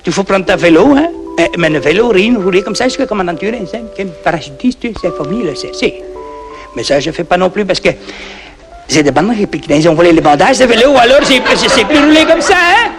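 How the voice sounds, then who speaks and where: A man's voice: high voice, sing-song, brisk. A man doing a blustering Flemish farmer. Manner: broken French studded with Flemish oaths, constant "hein". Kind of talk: cabaret comic monologue. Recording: old 1960s record with music.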